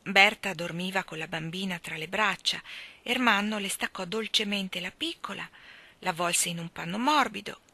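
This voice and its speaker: A woman reading a literary tale aloud in a gentle, measured storytelling manner. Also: mid-range voice, dry recording. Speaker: reader.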